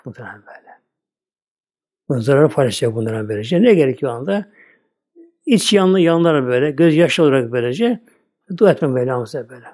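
Older man preaching, mellow voice. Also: medium pitch, animated, quick pace, long pauses. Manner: plain conversational preaching, repeats "böyle". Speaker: Islamic preacher. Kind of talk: religious sermon talk.

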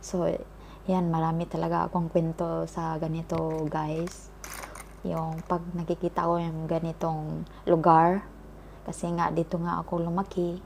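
A fairly low-pitched woman tells a childhood story in a chatty, casual vlog and keeps calling her viewers guys. She is outdoors by the sea, with a faint hum of open air behind her. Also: completely flat delivery, measured pace, gravelly, darkish tone. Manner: chatty, addresses viewers as guys, many fillers. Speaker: vlogger. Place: outdoors by the seaside.

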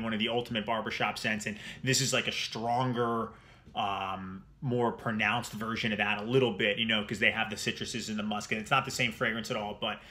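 A man's voice: on the low side, sharp tone. A young man from New Jersey in a small room at home, giving a rambling, enthusiastic casual review of a fragrance straight to camera. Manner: enthusiastic, rambling, repeats words.

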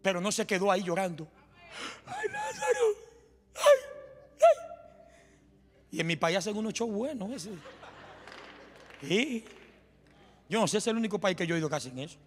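A man preaching a sermon in a church, impassioned and often shouting, with joking asides. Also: high voice. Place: church sanctuary. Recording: long hall reverb with faint music.

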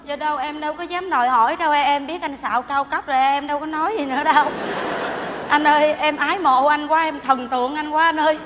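An actress playing a young wife who chatters, teases and flatters her husband in a stage comedy. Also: high voice, quick pace, natural voice. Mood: fawning. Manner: chatty, exaggerated, sweet-talking. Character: young wife Mai, fawning and teasing. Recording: reverberant stage hall with clear noise.

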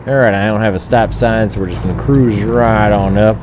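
A man's voice: lowish voice, normal speed. A tired man streaming a trucking game, rambling to his viewers with lots of filler words and half-talking to himself. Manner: rambling, full of "uh" and "um", talks to himself. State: tired, drowsy. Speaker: gaming streamer. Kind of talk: casual gameplay commentary. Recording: steady game engine noise behind the voice.

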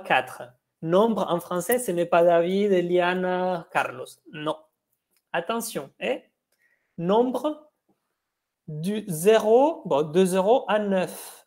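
Slow, patient teacher spelling out words. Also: medium pitch, a little mellow. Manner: switches between Spanish explanation and French examples. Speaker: French teacher. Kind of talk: online language lesson.

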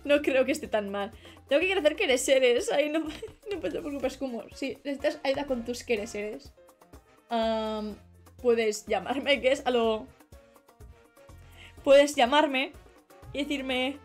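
A young woman with a higher-than-usual voice chats her way through a drawing stream. She rambles and trails off mid-thought while she works, and soft music plays faintly behind her. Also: measured pace, long pauses. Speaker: streamer and illustrator. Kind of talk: casual live-stream chat while drawing. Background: faint background music.

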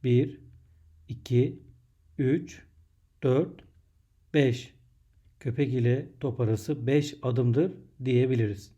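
Very dark-voiced man, measured dictating teacher. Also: medium pitch, dull audio. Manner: measured, dictating in short separated phrases. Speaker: primary school teacher. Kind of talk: scripted lesson narration for young pupils.

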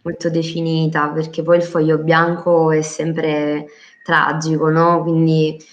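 Woman guest on a live chat, low and even delivery, hesitant fillers. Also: a little slow, muffled recording. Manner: hesitant, many fillers and restarts. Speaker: interior design guest.

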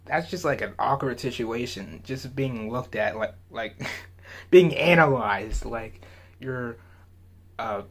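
A man's voice: medium pitch, slow pace, creaky, fairly bright tone. A man hosting a reaction video, chatting in a loose, rambling way and often laughing and trailing off. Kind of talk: casual rambling commentary.

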